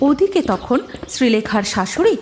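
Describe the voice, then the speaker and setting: A woman tells a cartoon folktale in a high, lilting voice that rises and falls with the story. Her narration is scripted and expressive, with music playing softly behind her. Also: moderate pace. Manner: expressive, sing-song storytelling.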